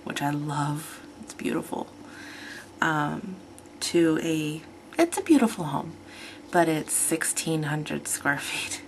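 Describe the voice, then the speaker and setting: A woman's voice: deep voice, expressive, takes it slowly, a little hiss or hum. A woman in her thirties talking casually in a rambling, chatty personal vlog, often correcting herself. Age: 30s. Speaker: vlogger.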